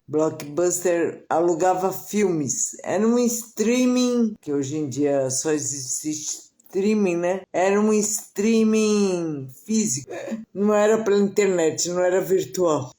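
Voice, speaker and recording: A middle-aged Brazilian woman telling a personal story candidly and expressively during a live stream. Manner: candid and expressive, with pitch swinging up and down as she tells.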